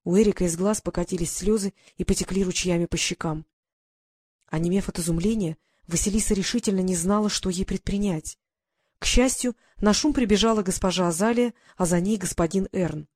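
A woman reads a novel aloud in an even, steady storytelling voice. Her pitch sits in a middle range, and the recording is dry and close, with no room sound. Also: fairly quick, slightly rough, no room sound. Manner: steady storybook reading, quietly acts out the dialogue. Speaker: audiobook narrator. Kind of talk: scripted narration.

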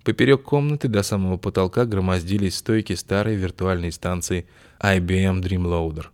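A man narrating an audiobook in a lively, ironic storytelling manner. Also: deep voice, normal speed. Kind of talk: scripted narration.

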